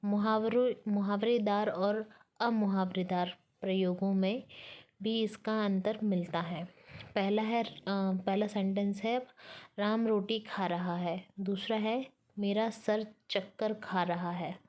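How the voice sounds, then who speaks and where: Slow, careful woman teaching Hindi grammar. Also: medium pitch, fairly even intonation, a little mellow. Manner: slow, careful dictation of each sentence, mixing in English words. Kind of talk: reading out and explaining a grammar lesson.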